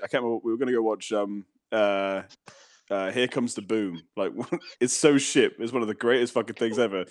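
A man's voice: mid-range voice, no echo, clean studio sound. A young British man co-hosting a casual podcast, telling stories with lots of laughter and swearing. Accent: British English. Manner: laughing storyteller, swears freely. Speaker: podcast co-host.

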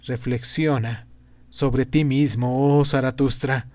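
A man's voice: mid-range voice, fairly even intonation, slow, a little mellow, no echo, natural voice. A man reading aloud and voicing a grave, fervent male prophet-sage in a declamatory way. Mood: questioning. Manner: declamatory, exhorting. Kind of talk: audiobook reading.

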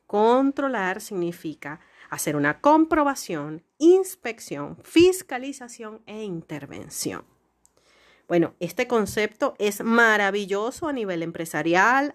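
Woman podcast host explaining things conversationally. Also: mid-range voice. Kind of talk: conversational monologue giving life advice.

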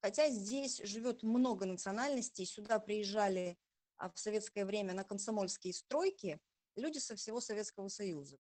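A woman in her forties from Transnistria, a journalist speaking in an interview in a proud, thoughtful way with hesitant pauses. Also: medium pitch, lively intonation, a little mellow, no echo. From Transnistria, Moldova. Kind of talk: conversational interview.

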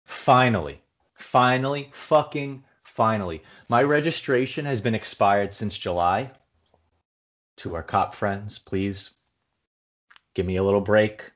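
A man's voice: on the low side, a little slow. A married man from New Jersey co-hosting a podcast, ranting in casual chat and swearing often. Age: adult, married. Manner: profane ranting, grows loud and heated. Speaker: podcast co-host.

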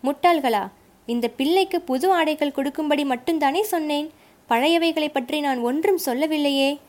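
Storybook: woman plays authoritative older male commander, scolding, high-set voice. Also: normal speed, lightly acted. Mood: angry. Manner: authoritative, scolding underlings, gentle to the youth. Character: stern older male fort commander, commanding yet calm.

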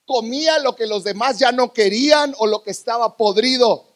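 A male preacher with a strikingly high voice delivers a sermon to his congregation in a church. He preaches dramatically, surging into loud bursts and then dropping to hushed tones. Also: moderate pace.

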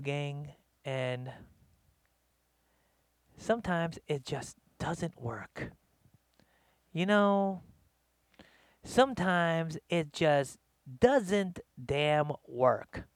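A male comedian hosting a live show, rambling in a slangy, animated rant from his studio. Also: a little high, no room sound. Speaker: comedian host. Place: home studio.

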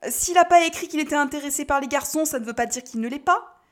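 A woman's voice: high voice, fast talker, pitched above the performer's own voice, natural voice. A woman voicing an easygoing young man who reassures his anxious twin in a casual, laid-back way. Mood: persuading.

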